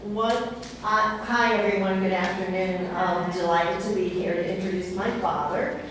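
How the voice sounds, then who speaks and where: A woman's voice: mid-range voice, steady tone, unhurried. A middle-aged woman from San Diego giving a prepared introduction at an event, reading a biography aloud with occasional fillers. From San Diego, United States. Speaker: speaker introducing her father at an event. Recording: echoey hall, voice from far off, faint hiss.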